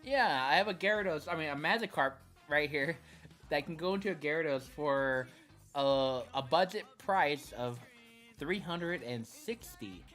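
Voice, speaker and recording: A man chatting casually on a game stream, easygoing and quick to laugh. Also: a little high, lively intonation, fairly bright tone, soft background music.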